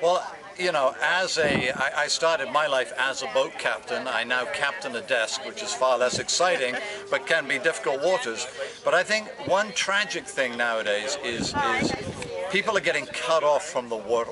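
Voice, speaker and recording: A man's voice: mid-range voice, lively intonation, moderate pace, a crowd in the background. Enthusiastic man interviewed outdoors. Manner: earnest, enthusiastic, frequent restarts. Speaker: head of an ocean research group. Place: outdoors by a brick building and truck. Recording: outdoor street noise and voices.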